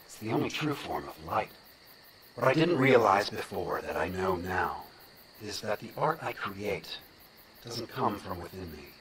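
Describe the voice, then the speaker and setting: An actor playing an intense, mystical male sculptor and researcher who talks slowly, at times in a near-whisper. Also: fairly low pitch, very animated, fairly bright tone, slight background noise, rough recording. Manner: slow, intense, half-whispered. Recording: crowd murmur behind.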